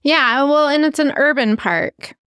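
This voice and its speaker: A woman's voice: sits high, a little slow, a bit bright, no echo. A woman co-hosting a podcast, chatting casually in a frank, dry way with loose restarts. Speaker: podcast co-host.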